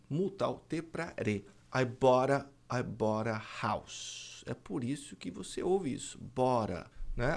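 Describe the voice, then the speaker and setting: Lively Brazilian man teaching pronunciation. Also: on the high side, vocal fry. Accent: Brazilian Portuguese. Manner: lively, repeats each example word slowly and carefully. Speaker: English teacher. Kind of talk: video lesson explaining pronunciation.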